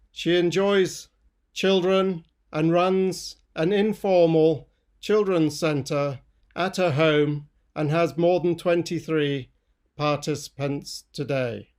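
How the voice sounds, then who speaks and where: A man presenting at a graduation ceremony, introducing the class speaker in a deliberate, formal way. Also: fairly high pitch, clear, resonant tone.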